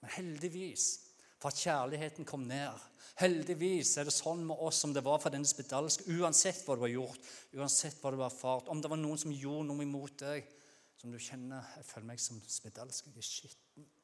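A man with a Norwegian accent preaching a sermon in a conversational way, now and then acting out loud cries. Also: on the high side, fairly even intonation. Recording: long hall reverb.

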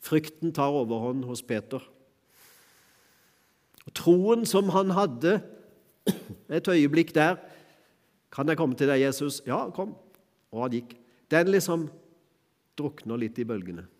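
A man's voice: medium pitch, a little mellow, big-room sound. A middle-aged man preaching a sermon in a church, talking in a conversational way with fillers and small chuckles.

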